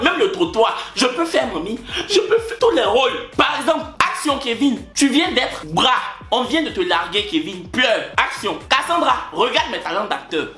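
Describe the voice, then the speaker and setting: Animated Ivorian French man in a roomy space. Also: high-pitched. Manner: playful, theatrical, laughs often. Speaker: vlogger. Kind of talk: casual storytelling to camera. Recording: roomy sound with faint music.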